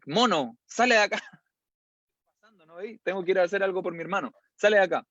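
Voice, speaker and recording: A man's voice: high-pitched, expressive, a little fast, pushed and bright, no echo, heavily acted. A man voicing a huge, brutish but good-hearted young warrior who gives blunt, pushy commands. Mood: brusque. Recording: slightly dull lo-fi sound.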